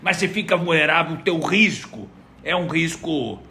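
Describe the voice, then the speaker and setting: Gravelly, bright-voiced podcast co-host man. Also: fairly high pitch, lively intonation, normal speed, a little hiss or hum. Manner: emphatic, talks in lists. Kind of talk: casual podcast chat.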